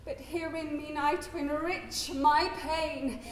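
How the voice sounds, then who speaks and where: A woman's voice: high voice, fairly even intonation, slow pace. An actress playing a desperate, lovesick young woman scheming aloud in a Shakespearean stage soliloquy. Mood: lovesick, resolved. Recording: echoey hall recording, faint noise.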